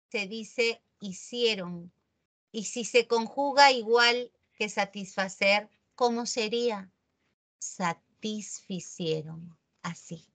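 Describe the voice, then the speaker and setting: A woman teaches a grammar lesson at an unhurried pace, her voice sitting a little high. She corrects errors firmly and keeps checking that the class follows. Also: a bit bright. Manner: corrective, asks the class rhetorical questions.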